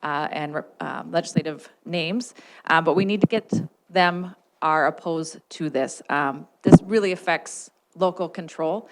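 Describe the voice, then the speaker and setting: A woman school board member speaking haltingly, with many fillers, at a public board meeting. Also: low-pitched.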